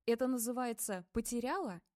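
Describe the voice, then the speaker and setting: A woman's voice: a little high, brisk, darkish tone, no room sound, clean studio sound, close to an everyday voice. A woman voicing an accusing, sarcastic ex-lover. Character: angry jealous ex-lover, adult man.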